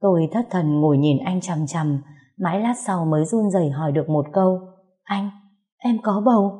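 Warm-voiced woman narrating a story. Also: low-pitched, a little fast. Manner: expressive, emotional reading. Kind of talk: first-person audio story narration.

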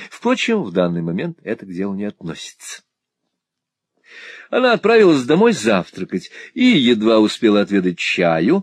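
Expressive male audiobook narrator. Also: on the low side, no echo, studio quality. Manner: measured, expressive storytelling. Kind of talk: scripted literary narration.

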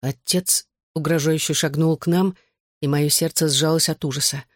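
A man's voice: a little high, fairly even intonation, moderate pace, no room sound, studio quality. A man reading a novel aloud in the first person, narrating steadily. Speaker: audiobook reader.

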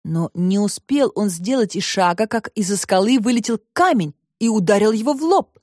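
Expressive woman audiobook narrator. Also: medium pitch, normal speed, no echo, studio quality. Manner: expressive storytelling.

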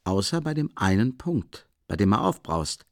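A steady, firm doctor speaking in a low, measured voice, as a male narrator plays him, quiet and concerned. The sound is dry and close. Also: creaky, dry recording.

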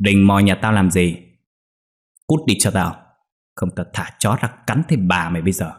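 A man voicing a harsh, stingy older village man who scolds gruffly. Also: low-pitched, normal speed, lightly acted. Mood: angry.

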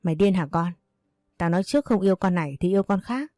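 A woman voicing a domineering older mother who scolds her son in fast, sharp-tongued bursts. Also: fairly low pitch, expressive, no room sound, clean studio sound, natural voice. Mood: furious.

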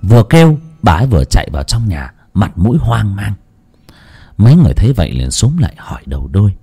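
A man's voice: lowish voice, sing-song, fast talker, mellow, husky. A man narrating a ghost story in a dramatic storytelling manner.

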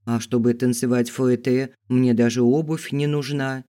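A man narrating an audiobook in a steady storytelling voice. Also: mid-range voice, normal speed. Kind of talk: scripted narration.

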